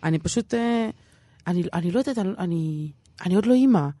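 A stand-up comedian with an Israeli accent talks casually as an interview guest, rambling, self-deprecating and repetitive. Her voice is on the low side, animated and mellow, with no room sound.

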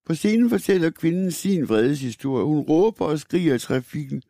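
A man with a gravelly edge reads a first-person literary piece in a measured, wry, expressive way. His tone is dark and mellow, though his pitch sits a little high for a man. The recording is close and dry, with no room sound.

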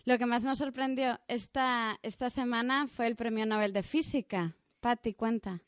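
A woman hosting a podcast, introducing a guest in a friendly, smooth manner. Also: fairly high pitch, normal speed, no echo, clean studio sound. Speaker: podcast host.

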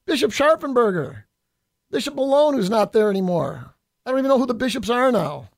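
Middle-aged man, high-pitched voice, folksy, combative political monologue, dry close sound. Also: lively intonation, fairly quick, gravelly, no room sound. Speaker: state assemblyman hosting a political podcast.

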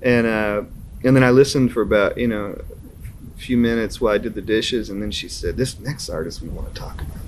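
A man's voice: lowish voice, fairly quick, a little hiss or hum. A man in his thirties, a musician guest telling stories in a casual interview, laughing often and acting out his own reactions. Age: 30s.

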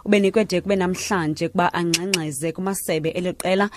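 A woman's voice: fairly low pitch, fairly even intonation, fairly quick, background noise. A woman with a South African Xhosa accent reading scripted radio news as the presenter.

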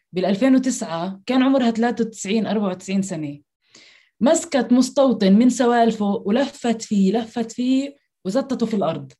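Fast-talking Palestinian Arabic woman. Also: fairly high pitch, dark tone. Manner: earnest, explanatory. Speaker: interview guest, activist. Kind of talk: conversational interview answers.

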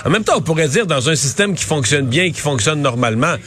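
A middle-aged man with a Québécois accent, co-hosting and commenting on politics in a casual, quick way, with many fillers. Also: on the high side, lively intonation, fairly bright tone. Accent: Québécois French. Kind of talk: news panel commentary.

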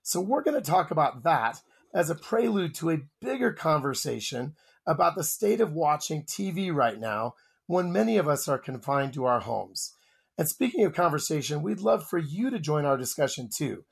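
Male podcast host, upbeat, husky with some fry. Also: a little high, big pitch swings, normal speed. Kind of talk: casual chat.

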